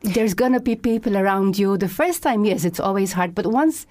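A woman's voice: medium pitch, normal speed, a little mellow, no echo. A woman from Malta with a Maltese accent, speaking as a fitness instructor in a casual studio interview. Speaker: Zumba instructor, interview guest. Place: radio studio.

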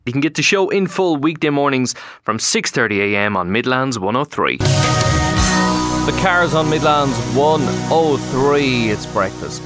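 A man hosting a breakfast radio show, upbeat and playful. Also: medium pitch. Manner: upbeat, playful, quick to laugh along. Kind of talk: casual radio chat.

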